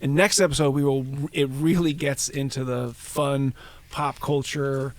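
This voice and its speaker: A man's voice: mid-range voice, steady tone, a little slow. A man hosting a podcast, telling a story in a casual, profane, rambling, jokey way. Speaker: podcast host.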